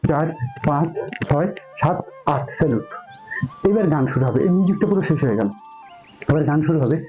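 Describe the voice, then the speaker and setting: A man teaching a dance routine step by step, counting beats aloud and slowly singing song lines to show the moves. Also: on the high side, warm tone. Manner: counts beats aloud while demonstrating steps. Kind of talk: dance tutorial instruction. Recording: dull lo-fi sound with faint music.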